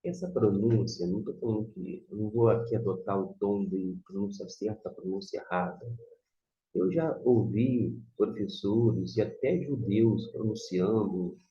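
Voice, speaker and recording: A man's voice: fairly low pitch, unhurried, echoey room, dull audio. A man teaching a Biblical Hebrew lesson, patiently explaining and spelling out sounds.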